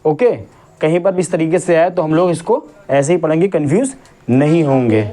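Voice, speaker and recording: A male English teacher giving a classroom lesson, asking questions and repeating each point slowly. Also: on the high side, dark tone. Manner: drills word sounds syllable by syllable.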